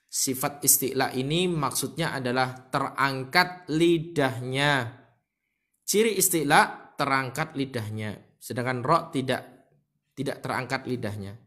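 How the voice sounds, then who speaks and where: A man teaching Quran recitation, explaining letter sounds calmly and demonstrating them by repeating syllables and chanting verses slowly. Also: mid-range voice. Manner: calm explanatory tone with frequent "ya" tags. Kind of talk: explaining tajwid with recited examples.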